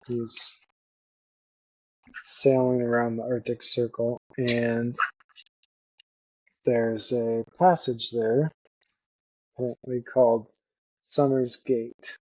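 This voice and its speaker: A middle-aged man hosting a solo podcast, talking haltingly with fillers. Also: mid-range voice, level tone, highs cut off. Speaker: podcast host.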